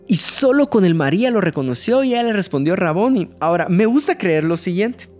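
A man preaching a sermon, earnest and slowing down to stress key phrases, with light jokes. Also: on the high side, darkish tone.

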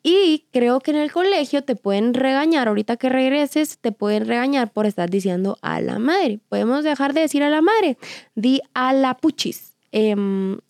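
Earnest Guatemalan woman, higher voice. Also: normal speed, darkish tone, no echo, clean studio sound. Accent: Guatemalan Spanish. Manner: earnest, storytelling, quotes inner voice. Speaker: podcast co-host. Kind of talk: casual faith-based parenting talk.

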